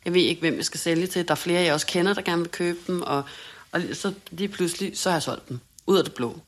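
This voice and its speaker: Woman, low voice, animated self-mocking storytelling, casual podcast chat. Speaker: podcast co-host.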